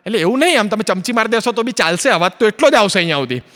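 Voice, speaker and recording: A man's voice: high-pitched, animated, very fast, a bit bright. A man performing stand-up comedy on stage, telling stories and acting out both sides of the conversations in them. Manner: acts out both sides of dialogues in his stories. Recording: long hall reverb from an auditorium.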